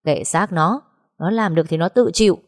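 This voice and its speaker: A woman's voice: on the low side, moderate pace, lightly acted. A woman voicing a short-tempered middle-aged father who scolds his family in an audio story. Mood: bitter. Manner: scolding, gruff.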